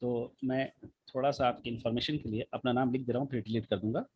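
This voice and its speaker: A man teaching a physics class online, explaining slowly with many repetitions and rhetorical questions, speaking with the mic held right at his mouth. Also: medium pitch, fairly even intonation, a little mellow, husky. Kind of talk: live online class lecture.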